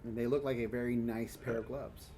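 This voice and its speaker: A man at a mid-range pitch narrating a tabletop game as game master. He lays out each scene in detail and guides the players through it over a faint hiss. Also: little pitch movement, a little fast, warm tone.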